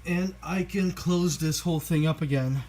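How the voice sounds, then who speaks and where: A man vlogging casually while he works on a motorbike indoors, talking with a relaxed manner and thinking aloud with fillers. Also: a little high, normal speed, faint music behind. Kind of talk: casual commentary while working. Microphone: camera mic, handheld then set down.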